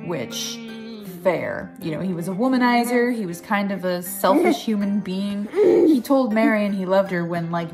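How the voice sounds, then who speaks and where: A young woman talks through her thoughts in a loose, chatty way, wandering off into asides. Her voice sits at an ordinary middle pitch for a woman, close to a tablet mic in a living room, with music playing clearly underneath. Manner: chatty and rambling, self-deprecating asides. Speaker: book club vlogger. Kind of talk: casual book discussion chat. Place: living room at home, indoors. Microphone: tablet built-in mic, close and low.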